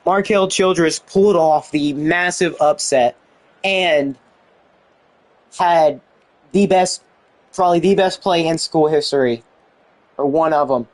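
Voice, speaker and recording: A young man giving excited commentary on a football video game he is playing, exclaiming and mildly swearing. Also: a little high, takes it slowly, pauses often. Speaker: gaming YouTuber.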